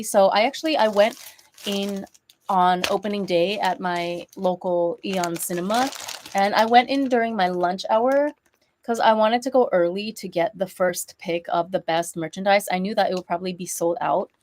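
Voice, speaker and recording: A woman's voice: mid-range voice, a little mellow. A woman with a nasal, congested voice from a recent cold and sore throat, chatting casually in a rambling, self-correcting way as a vlogger. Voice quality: nasal, stuffy-nosed. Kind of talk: casual chatty haul vlog.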